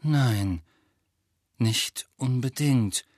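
A man voicing a hesitant, anxious teenage schoolgirl who chooses her words slowly, with pauses. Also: fairly high pitch, animated, husky, no echo, studio quality, voice pushed up. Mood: hesitant, worried.

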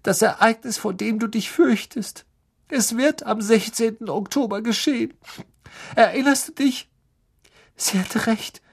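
A man reading an audiobook, voicing a weepy, dramatic schoolgirl who sobs in a high, tragic voice. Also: moderate pace, vocal fry, breathy edge, full character voice. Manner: sobbing, tragic and shrill.

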